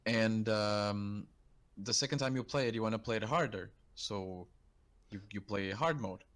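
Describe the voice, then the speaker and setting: A man co-hosting a podcast in casual chat, recounting things in a calm, measured way with dry asides. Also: fairly low pitch. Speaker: podcast co-host.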